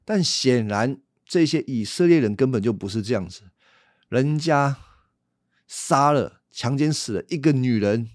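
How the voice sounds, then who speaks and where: A man's voice: medium pitch, lively intonation, measured pace, no echo, clean studio sound. A man teaching the Bible on a podcast, explaining things conversationally and asking rhetorical questions.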